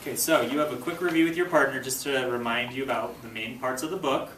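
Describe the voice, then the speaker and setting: A fifth grade teacher, a man with a medium-pitched, fairly bright voice, speaks fast as he reads aloud to his elementary class and gives clear step-by-step directions, checking that students understand. A distant mic captures the roomy classroom with faint noise.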